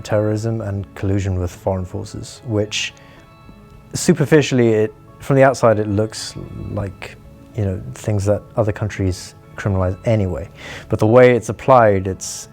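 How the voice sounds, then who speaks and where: A man's voice: lowish voice, vocal fry, darkish tone. A man from Hong Kong, interviewed with his voice disguised, explaining things earnestly with frequent restarts. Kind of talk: explaining, measured interview talk.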